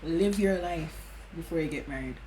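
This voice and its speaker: A woman's voice: sits low, normal speed, warm tone, roomy sound, slight background noise, rough recording. A woman chatting casually, emphatic and affirming. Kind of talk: casual chat.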